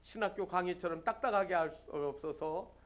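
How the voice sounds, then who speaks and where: A man's voice: high voice, normal speed, fairly bright tone. A male pastor giving a Sunday sermon, telling a story and asking the congregation rhetorical questions.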